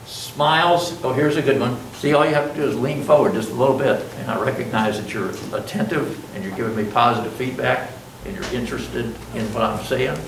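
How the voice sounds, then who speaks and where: A masked older man teaching college speaks in a mid-range voice with vocal fry, moving briskly with hardly any pauses. He's talkative, mocks himself, and questions students, and the audio is distant and roomy with slight background noise.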